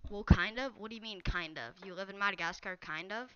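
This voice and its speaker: A woman's voice: mid-range voice, brisk, pushed and bright, smooth, muffled recording. A young woman live-streaming a game, chatting casually and teasing viewers as she reads their messages. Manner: teasing, talks straight to viewers reading chat. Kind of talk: casual live-stream chat while gaming.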